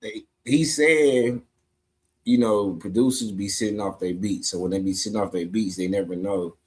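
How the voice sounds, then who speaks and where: A man co-hosting a casual chat, explaining things in a relaxed, drawn-out way. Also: fairly low pitch, breathy edge. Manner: laid-back, explains at length.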